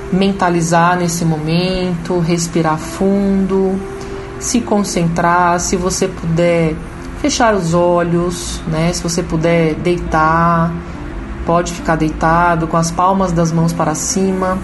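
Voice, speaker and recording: Female meditation guide, Brazilian accent, soothing and very unhurried delivery over clearly audible music. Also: lowish voice, rough recording. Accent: Brazilian Portuguese. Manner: slow, soothing, with long pauses. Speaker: program host and holistic therapist.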